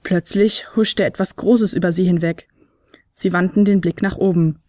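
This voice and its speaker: A woman narrating a children's advent story in a clear, steady storytelling voice. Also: on the low side, normal speed, no echo, clean studio sound.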